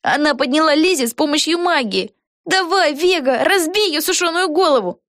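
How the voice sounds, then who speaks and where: A woman's voice: high-pitched, animated, normal speed, a bit bright, no echo, clean studio sound, pitched above the performer's own voice. A woman reading an audiobook, voicing an eager young witch girl who exclaims a lot. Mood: excited.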